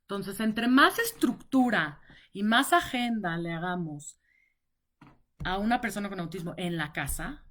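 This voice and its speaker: A woman's voice: mid-range voice, lively intonation, unhurried, fairly bright tone. A woman explaining visual schedules on a live stream, in a conversational way with frequent repetition and check-ins. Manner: conversational, repeats words and checks in with "ok". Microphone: device mic on a live stream.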